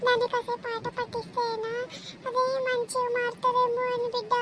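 A woman's voice: very high-pitched, monotone, brisk, background noise. A woman voicing a fussy, tearful old mother-in-law in a cartoon, talking in a pleading, long-winded way. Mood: complaining.

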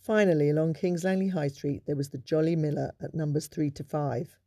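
Gravelly, mellow man narrating local history. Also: fairly high pitch, fairly even intonation, no room sound, faint music behind. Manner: measured, informative.

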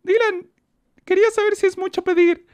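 A man putting on the high, pleading voice of a young schoolkid viewer who is begging for a shout-out. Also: steady tone, normal speed.

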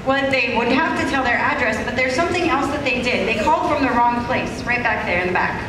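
A woman's voice: on the high side, animated, a little fast, a crowd in the background. A woman giving an instructive safety talk to young children, asking simple questions and answering them, over a microphone in a large indoor room. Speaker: firefighter safety educator. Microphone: handheld microphone through speaker, recorded from across room. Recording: very echoey hall PA, noisy room.

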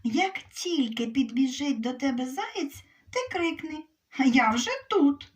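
A woman's voice: high-pitched, animated, measured pace, darkish tone, far from the mic. A woman voicing a cunning male hedgehog in a storybook, with a sly, confident manner. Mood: scheming.

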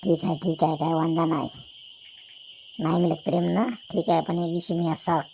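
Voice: mid-range voice, flat delivery, moderate pace, gravelly, dark tone, a little hiss or hum, lightly acted. A voice actor playing a lovesick schoolboy who pleads and pities himself in a cartoon. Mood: moping. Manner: pleading, self-pitying. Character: lovesick schoolboy, moping and stubborn. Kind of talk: cartoon voice acting.

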